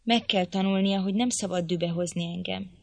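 A woman voicing a furious, domineering middle-aged man who shouts threats, in an audiobook reading. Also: medium pitch, fairly even intonation, gravelly, dry recording. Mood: cold threatening.

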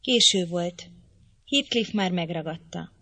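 A woman reading a novel aloud in steady, measured scripted narration. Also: lowish voice, no echo. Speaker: audiobook narrator.

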